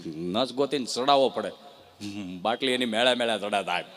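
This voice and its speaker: A male stand-up comedian, telling jokes in an animated way and putting rhetorical questions to the crowd. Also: mid-range voice, normal speed, slight background noise.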